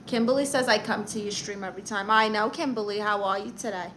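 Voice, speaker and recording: A young woman from Brooklyn hosts a livestream where she reads viewer comments and hands out brassy, sassy advice with quick comebacks. Her mid-range voice is a bit bright, and slight background noise can be heard.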